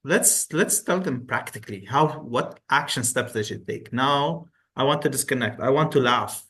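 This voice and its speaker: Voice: medium pitch, moderate pace, a bit bright. An interview host prompting his guest for practical advice in a plain conversational way. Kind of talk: interview questions.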